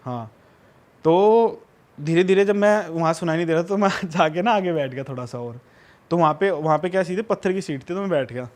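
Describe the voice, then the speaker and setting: Male guest, casual rambling storyteller, a bit high-pitched. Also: lively intonation, a little fast. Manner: rambling, conversational, often says "bhai" and "na".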